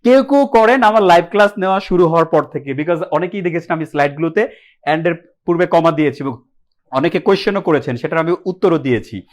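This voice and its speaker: A man's voice: fairly high pitch, fast talker. A young man teaching an English grammar class live online, asking the students questions and answering them himself, with English words mixed into his speech.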